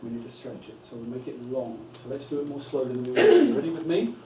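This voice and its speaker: A man training teaching assistants in a school room. He gives steady instructions and stretches words out syllable by syllable. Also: medium pitch, fast, a crowd in the background. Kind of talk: training workshop talk. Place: school room with a live audience. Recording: echoey room from far off, noisy.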